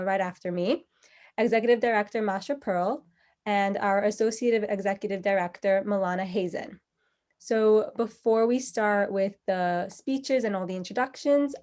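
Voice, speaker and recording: A woman's voice: medium pitch, darkish tone. Woman hosting a virtual event. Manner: friendly, slightly informal with fillers. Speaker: host of a charity event. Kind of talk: event introduction. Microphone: video call.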